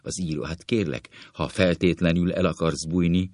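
A man's voice: deep voice, fairly even intonation, darkish tone, no room sound, studio quality. A man voicing a vain, cowardly male writer who rants indignantly about spiritual superiority and later titters nervously, in a comic play reading. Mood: frightened.

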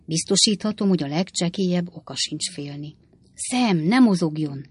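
A woman voicing a flustered, kindly elderly gentleman. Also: on the low side, animated, slightly rough, no room sound. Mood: soothing.

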